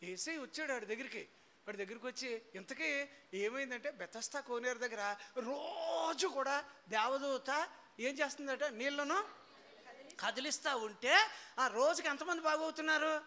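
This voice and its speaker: A man preaching a sermon as pastor, quizzing his congregation in call-and-response and swinging from low storytelling to shouted praise. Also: normal speed. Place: church hall before a congregation.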